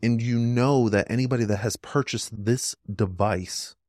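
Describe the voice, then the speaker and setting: A man's voice: mid-range voice, a little slow, darkish tone, no room sound, studio quality. A man speaking as a podcast guest and app developer, talking casually and rambling with frequent "like" fillers.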